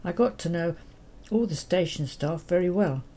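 An elderly woman reads from her memoir in a low, mellow voice. Her telling is gentle and quietly wry. She keeps an even storyteller's pace. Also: moderate pace. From England. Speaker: memoir narrator. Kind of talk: reading a childhood memoir.

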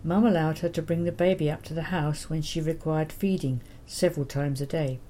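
An elderly woman reads from her memoir in a low, mellow voice. Her telling is gentle and quietly wry. She keeps an even storyteller's pace. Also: fairly quick, a little hiss or hum. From England. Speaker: memoir narrator. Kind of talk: reading a childhood memoir.

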